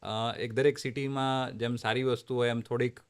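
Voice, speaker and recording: A middle-aged man from Ahmedabad with a Gujarati accent, a doctor talking in a relaxed way, dropping in English phrases. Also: mid-range voice, fairly quick, smooth. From Ahmedabad, India. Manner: relaxed, mixes English phrases, light laughter. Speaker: oncologist guest. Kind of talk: conversational interview.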